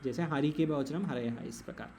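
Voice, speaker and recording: A man's voice: a little high, fairly quick, mellow, a little hiss or hum. A man teaching Sanskrit grammar in an online class, patient and explaining step by step, slipping into English.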